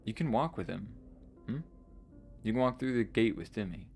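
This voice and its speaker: A man doing a calm reaper spirit. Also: fairly low pitch, moderate pace, gravelly, soft background music.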